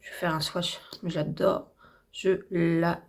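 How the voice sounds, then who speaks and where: Chatty, slightly hoarse French woman vlogger. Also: on the low side, little pitch movement, a little slow, a little mellow. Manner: chatty, enthusiastic, repeats herself with many fillers. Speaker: beauty vlogger. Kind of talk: casual get-ready-with-me makeup chat.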